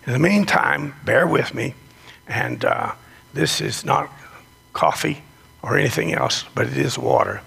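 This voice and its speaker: A man preaching as a pastor in a strangled, choked-up, congested voice, hoarse from a sinus infection, with a deliberate, folksy delivery. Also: mid-range voice, wildly swooping pitch, pushed and bright. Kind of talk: sermon, children's talk and scripture reading. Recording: long echo of a large hall.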